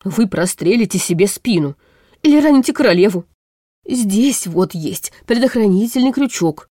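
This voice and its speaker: A woman reading a storybook audiobook, voicing a bitter, sharp-tongued male vice-chancellor in a scornful, snappish way, close to the microphone. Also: mid-range voice, expressive, moderate pace, dry recording, lightly acted. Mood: alarmed.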